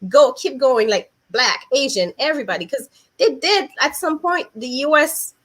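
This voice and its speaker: A woman's voice: high-pitched, expressive, normal speed, fairly bright tone. Thoughtful young woman hosting a call. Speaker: host. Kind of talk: casual video-call interview. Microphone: video call.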